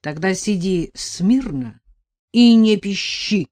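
A woman voicing a rude, bossy male thug who talks slowly and loudly in gruff threats. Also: mid-range voice, big pitch swings, no room sound, clean studio sound. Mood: gruff, mocking.

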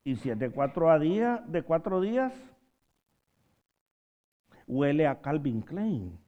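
A man's voice: a little high, big pitch swings, slow pace, dark tone, highs cut off. A man preaching a sermon, posing rhetorical questions to the congregation and dropping in humorous asides. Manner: rhetorical questions with frequent "¿verdad?" tags.

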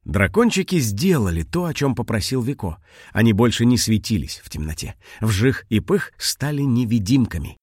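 A man narrating a children's audiobook in an expressive, lively storytelling manner. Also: medium pitch, moderate pace, slightly rough, no echo, clean studio sound.

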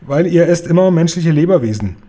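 A man's voice: a little high, animated, brisk, dark tone, pitched above the performer's own voice. A man reading aloud and voicing a huge, kindly male giant who jumbles his words in a folksy, earnest way. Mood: earnest, excited.

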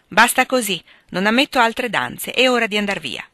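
A woman's voice: on the low side, lively intonation, brisk, pushed and bright, no echo, studio quality. A woman reading the lines of a stern elderly male village reverend who firmly cuts the party short. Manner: firm, admonishing.

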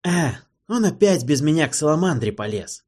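A man reading an audiobook and voicing an irritable male mage who yells and curses, in a husky voice. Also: fairly high pitch, very animated, moderate pace, voice pushed up. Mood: exasperated. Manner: yelling, cursing.

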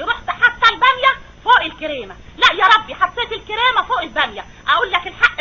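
A woman playing a chatty nagging wife in a vintage radio comedy, talking nonstop and shrill, on a dull old recording with hiss. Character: chatty nagging wife, middle-aged, scolding. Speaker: actress in comedy sketch.

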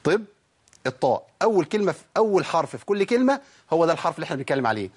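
A man's voice: on the high side, big pitch swings, racing, darkish tone, breathy edge. A man with an Egyptian Arabic accent giving a spoken lesson on Quran recitation rules, asking questions and then answering them himself.

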